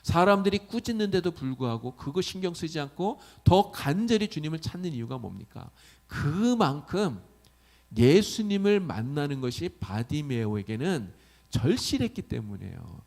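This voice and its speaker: Man, pastor, sermon, gravelly, animated pitch, questions to the congregation. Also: moderate pace. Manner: preaching with direct questions to the congregation.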